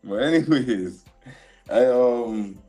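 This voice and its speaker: A man, a music producer talking casually as a guest on a live stream, halting and full of slang. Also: medium pitch. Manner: relaxed, halting, lots of restarts and slang. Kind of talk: casual interview chat. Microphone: live stream call.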